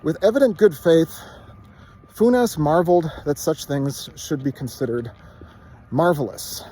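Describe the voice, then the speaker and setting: A man reciting a literary text by rote from memory, in short measured phrases. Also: fairly high pitch, sing-song, dark tone.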